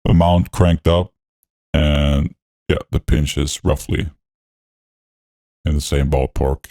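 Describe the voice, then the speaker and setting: A man talking through a voice changer that deepens his voice. He hosts a music production tutorial, narrating each step in a laid-back, technical way with frequent fillers. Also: steady tone, takes it slowly, mellow, dry recording, clean studio sound. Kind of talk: walkthrough narration over a screen recording.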